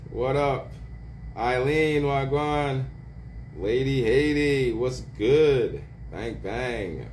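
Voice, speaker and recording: A man hosting a casual livestream, greeting viewers by name with slang shout-outs and laughing often. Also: medium pitch, a little hiss or hum. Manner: laughs often, drawn-out words. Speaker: livestream host.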